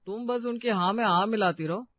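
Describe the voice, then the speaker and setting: A woman voicing an easygoing young husband who talks in a relaxed, reassuring way. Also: mid-range voice, a little fast, dry recording, lo-fi sound, close to an everyday voice.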